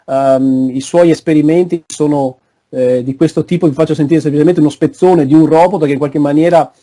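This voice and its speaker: Man, lecturer, online video call, slightly high voice, warm tone, hesitant. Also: steady tone. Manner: halting, frequent searching for words.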